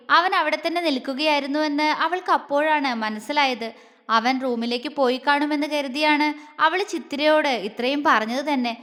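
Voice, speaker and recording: A woman storyteller narrates a romance with a steady, expressive reading. Her voice sits high. A long, hall-like reverb follows her words.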